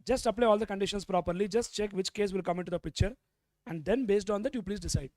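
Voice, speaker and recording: High-pitched Indian man teaching, fast and prodding. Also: darkish tone, no echo. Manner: switches between English and Hindi; prodding, rapid-fire questioning. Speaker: accountancy tax teacher. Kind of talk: interactive classroom lecture.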